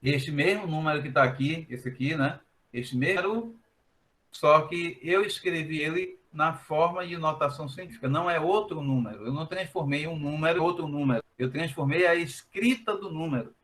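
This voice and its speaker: A man's voice: on the high side, normal speed, fairly bright tone. A man, a math teacher giving a recorded lesson, explaining step by step and often checking in with a rhetorical "né?". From Brazil. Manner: explanatory, repeats points with a rhetorical "né?".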